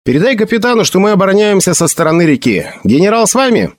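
Young guard captain, commanding, barking loud orders in a storybook, voiced by a male reader. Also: sits high, very animated, quick pace, no room sound, studio quality, voice pushed up. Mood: shouting orders. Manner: shouts orders.

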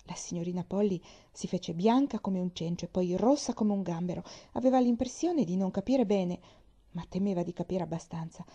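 A woman reading a children's novel aloud in a calm, measured storytelling voice. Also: fairly low pitch. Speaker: reader.

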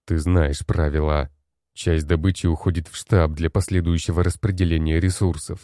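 A man voicing a stout, gruff male general who lectures sternly. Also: low-pitched, flat delivery, normal speed, dark tone, no echo, studio quality, natural voice.

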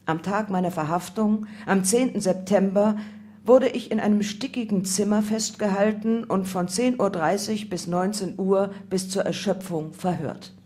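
A woman reading a first-person memoir aloud in calm, measured narration. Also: mid-range voice. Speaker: audiobook reader.

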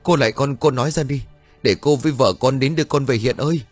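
A man's voice: medium pitch, quick pace, breathy edge, no echo, soft background music, voice pushed up, natural voice. A man voicing a grieving older village woman pleading desperately with the spirit of her dead nephew.

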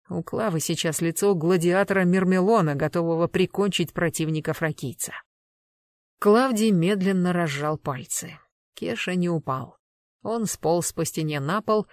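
Dry, steady audiobook narrator. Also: mid-range voice, no room sound.

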